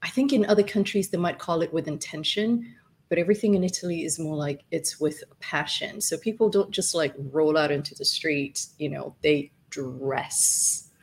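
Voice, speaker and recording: A woman's voice: sits low, moderate pace. A woman from Somalia, a podcast guest talking effusively in a casual interview, with lots of fillers and easy laughter. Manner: effusive, laughs often, many fillers and restarts.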